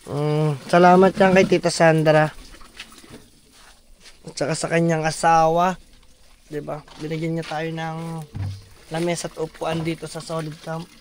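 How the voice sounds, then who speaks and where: Upbeat high-voiced man vlogging. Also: a little mellow, slight background noise. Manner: upbeat, addresses viewers directly. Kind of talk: casual vlog narration. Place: outdoor camp build site.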